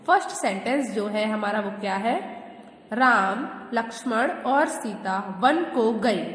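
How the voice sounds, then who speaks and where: A woman's voice: a little high, a little hiss or hum. A woman teacher giving a patient grammar lesson to children, asking questions and answering them herself. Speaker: school teacher. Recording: echoey room with long reverb.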